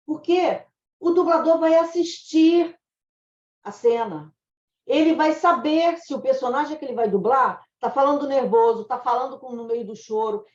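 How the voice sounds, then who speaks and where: In a roomy, dull lo-fi recording, a Brazilian woman with a Brazilian Portuguese accent teaches dubbing translation in a casual online class. Her high voice has a darkish tone and moves at a moderate pace. She explains things in a chatty way and laughs at her own stories.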